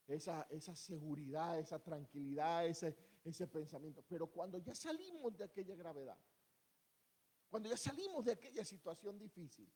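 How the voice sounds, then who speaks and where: A man's voice: high-pitched, darkish tone, husky. A man preaching a sermon in a church, standing before the congregation and asking rhetorical questions. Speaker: pastor.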